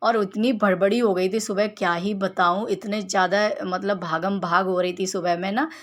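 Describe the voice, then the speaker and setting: A woman's voice: medium pitch, fairly even intonation, moderate pace. A woman in her thirties from Uttar Pradesh, narrating her family vlog in a chatty, homely way and walking viewers through each clip. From Uttar Pradesh, India. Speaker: family vlogger. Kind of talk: casual vlog voice-over narration.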